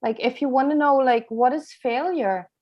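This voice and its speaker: A woman's voice: high voice, normal speed, dull audio. A woman co-hosting a podcast, chatty and laughing often, asking rhetorical questions. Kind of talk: casual podcast chat. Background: family talking at home.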